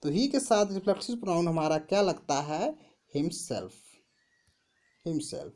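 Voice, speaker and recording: A woman teaching a grammar lesson, who asks questions and answers them herself, repeats key words and reads example sentences very slowly. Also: lowish voice, lively intonation, darkish tone. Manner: slow, repeats answers to her own questions.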